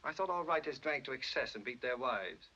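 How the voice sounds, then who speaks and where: Mocking Mid-Atlantic society man, rapid, bright, husky, dull old film sound. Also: mid-range voice, expressive. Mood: teasing. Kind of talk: 1940s film acting.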